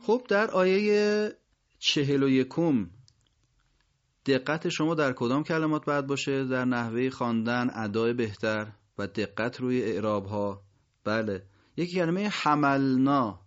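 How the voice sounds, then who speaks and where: Guy giving a recitation pronunciation lesson, stretches words out slow, kinda dull lo-fi sound. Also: mid-range voice. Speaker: Quran recitation teacher.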